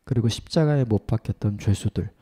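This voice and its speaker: A man preaching an early-morning sermon in an earnest way, his voice sometimes dropping to a soft whisper. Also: on the low side, fairly quick, breathy edge. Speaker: pastor.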